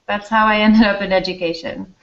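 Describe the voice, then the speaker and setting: A woman's voice: mid-range voice, little pitch movement, fairly quick, a bit bright. A woman from Denmark, an elementary school teacher, telling her story in a candid, self-deprecating, chatty way in an interview. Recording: slightly dull lo-fi recording.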